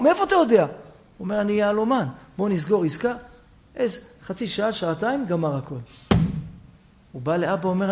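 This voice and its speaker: A man giving a storytelling sermon as a rabbi, acting out characters and rising to shouts. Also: sits high. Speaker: rabbi giving a Torah lesson.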